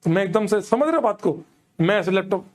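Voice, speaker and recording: Animated young man telling a story. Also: sits high, a little fast. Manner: animated, keeps checking the audience follows. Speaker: stand-up comedian. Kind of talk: storytelling comedy.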